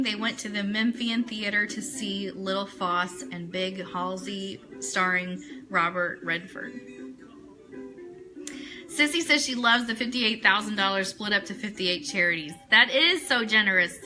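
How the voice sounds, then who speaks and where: Over a low-quality recording, a medium-pitched American woman runs her online radio show live. She's chatty, welcomes viewers by name, and alternates between conversation and reading things aloud.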